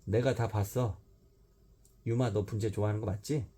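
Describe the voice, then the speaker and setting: A man's voice: on the low side, fast talker, warm tone, slightly rough, voice pushed up. A man voicing a timid but stubborn schoolchild who loves bonsai, pleading and insisting, in a raised, childlike voice. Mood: defiant.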